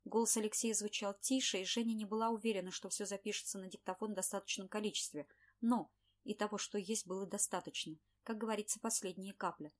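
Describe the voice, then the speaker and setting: A woman narrating an audiobook in a steady, lightly ironic storytelling manner. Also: mid-range voice, quick pace.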